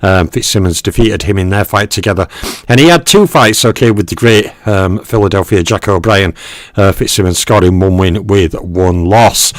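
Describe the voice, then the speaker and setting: A man from Western Europe hosts a boxing history channel, casually narrating a breakdown of a fighter's record full of okays and ums and greeting viewers in live chat. His voice is low and his pace moderate, in a dry, studio-quality recording.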